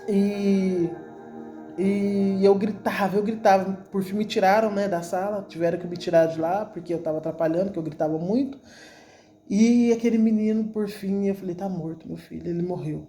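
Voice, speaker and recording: A woman's voice: mid-range voice, fairly even intonation, normal speed, mellow, faint music behind. Emotional Brazilian woman giving testimony. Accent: Brazilian Portuguese. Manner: emotional, repetitive storytelling addressed to the congregation. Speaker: church member giving a testimony. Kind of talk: religious testimony.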